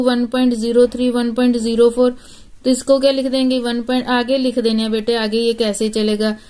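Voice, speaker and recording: High-voiced patient woman maths teacher. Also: darkish tone. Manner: patient, addresses students as "beta". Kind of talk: classroom lesson.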